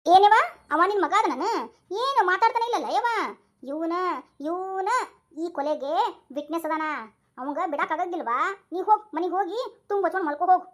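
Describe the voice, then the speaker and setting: Comic skit: woman doing a bossy, teasing male cop, North Karnataka accent, very high voice. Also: expressive, a little fast, pauses often. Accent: North Karnataka Kannada. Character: bossy male police inspector, scolding.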